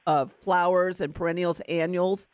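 A woman's voice: on the low side, fairly even intonation, a little slow, smooth, no echo. A woman hosting a garden radio show, asking friendly conversational questions. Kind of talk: radio call-in interview.

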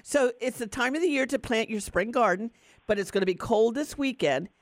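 A woman's voice: on the high side, expressive, a little fast, dry recording. Friendly woman radio host, dry sound. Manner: friendly, conversational questioning. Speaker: radio garden show host. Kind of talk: radio call-in interview.

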